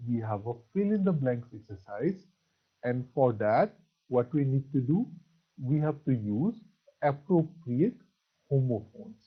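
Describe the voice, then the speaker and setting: A man's voice: mid-range voice, lively intonation, unhurried, husky. A man with an Assamese accent teaching an English grammar lesson, spelling out words and answering his own questions. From Assam, India. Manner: asks questions and answers them himself, praises with "very good". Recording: dull lo-fi recording.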